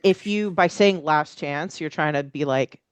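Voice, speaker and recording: A woman narrates a tabletop game as game master in a fairly low, clear voice. She builds descriptions hesitantly, improvising as she goes. The recording is dry and close. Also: normal speed, no room sound.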